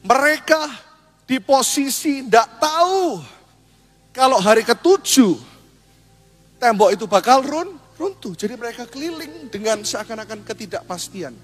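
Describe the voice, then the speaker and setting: A man pastor, preaching a lively, humorous sermon and asking the congregation questions. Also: very high voice, a little slow, soft background music.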